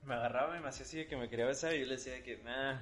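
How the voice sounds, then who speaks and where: A man's voice: mid-range voice, very fast, fairly bright tone. A young man with a Mexican accent telling a rowdy anecdote to friends in casual, slangy chat. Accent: Mexican Spanish. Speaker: storyteller among friends.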